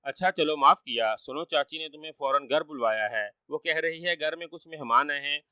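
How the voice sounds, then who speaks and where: Give me a cunning storybook trickster, voiced by a man with a bright, dry voice. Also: a little high, no room sound. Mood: teasing. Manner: teasing, sly. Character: cunning playful young male trickster.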